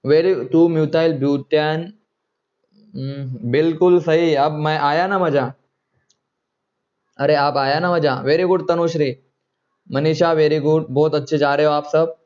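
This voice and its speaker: A man's voice: fairly high pitch, fairly even intonation, slow, pauses often, a little mellow, dull audio. A man teaching chemistry in an online class, coaxing students and checking often whether they follow.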